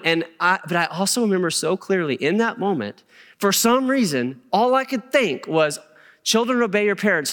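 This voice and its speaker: A man's voice: on the high side, pushed and bright. A middle-aged man preaching a sermon with personal stories, in a conversational way, often checking in with "okay?". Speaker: pastor. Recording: reverberant hall.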